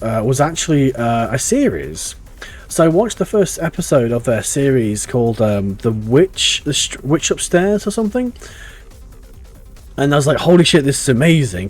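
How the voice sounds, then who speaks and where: A man's voice: mid-range voice, darkish tone, slightly rough. A man streaming a game live, chatting casually and rambling, swearing freely with lots of restarts. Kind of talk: casual live-stream chat while gaming. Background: faint game music.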